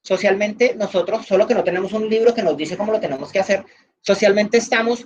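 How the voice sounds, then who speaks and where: A woman's voice: medium pitch, fast, a little mellow, lo-fi sound. A woman from Valle del Cauca with a Valle Colombian accent, teaching an online class in a chatty way, with everyday examples and many fillers. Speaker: instructor.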